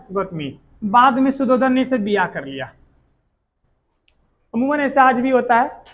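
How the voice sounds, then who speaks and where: A man's voice: extremely high pitch, a bit bright, highs cut off. Earthy male teacher telling stories. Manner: earthy colloquial storytelling, quizzing students. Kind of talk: exam coaching lecture told as a story.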